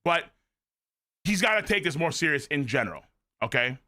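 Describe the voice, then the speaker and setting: Excitable, bright-voiced man reacting live. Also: a little high, moderate pace. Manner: excitable and profane, with slang and bursts of laughter. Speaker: streamer reacting to a manga chapter.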